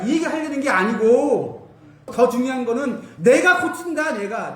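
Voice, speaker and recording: A male pastor giving an animated sermon, asking his congregation questions and using everyday cooking comparisons, in a church hall. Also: very high voice. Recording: roomy hall, mic at a distance.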